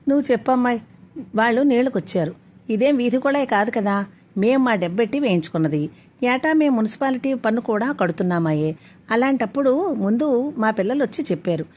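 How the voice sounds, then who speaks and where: A woman voicing a shrewd older village woman who talks in a loud, commanding, rustic way to settle a quarrel. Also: a little high, expressive, a little fast, pitched above the performer's own voice.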